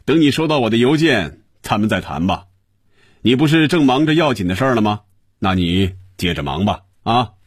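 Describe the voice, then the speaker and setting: A man's voice: lowish voice, sing-song, normal speed, long pauses, husky, no echo, studio quality, pitched above the performer's own voice. A man voicing a smug office worker taunting his boss over the phone. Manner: smug, gleeful. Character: gloating office man quitting his job.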